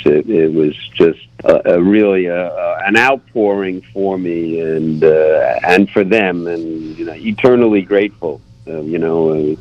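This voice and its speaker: Low-voiced man telling flying stories. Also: no room sound, muffled recording. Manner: reflective, halting, frequent restarts. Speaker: pilot guest. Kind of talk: conversational storytelling.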